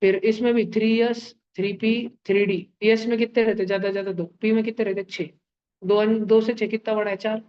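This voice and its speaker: A man leads a live online chemistry class with playful sound effects and down-to-earth comparisons, regularly quizzing students to check they follow. His voice sits high with a level tone, and he talks fairly quickly. The sound is lo-fi.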